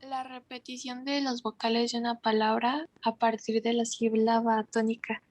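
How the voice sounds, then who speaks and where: A woman's voice: fairly high pitch, level tone, moderate pace, a little mellow, dry recording. A young female student with a Mexican Spanish accent, reciting definitions in class and stumbling on words. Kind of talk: answering in class.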